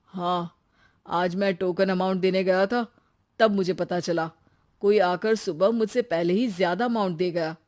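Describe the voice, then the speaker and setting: A woman playing an easily exasperated young husband and son in an animated moral story, plain and argumentative. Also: fairly low pitch, a little slow, natural voice. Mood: dejected.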